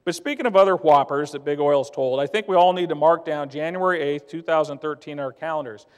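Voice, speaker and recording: A man's voice: a little high, fast, clean tone. A man giving an emphatic, plainspoken conference speech as a trade association director. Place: conference hall. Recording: long hall reverb.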